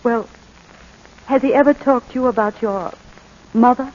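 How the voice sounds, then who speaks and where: A tender, hesitant plea to an estranged son comes from a woman cast as an anguished, loving mother in a 1940s radio play, heard through a muffled old recording. She speaks at a moderate pace in a rather high voice that stays close to her everyday one.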